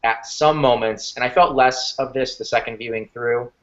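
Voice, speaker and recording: A man co-hosting a podcast, giving a measured, hesitant opinion on a movie with many pauses and ums. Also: mid-range voice, steady tone, highs cut off. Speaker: podcast co-host. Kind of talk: casual movie review chat.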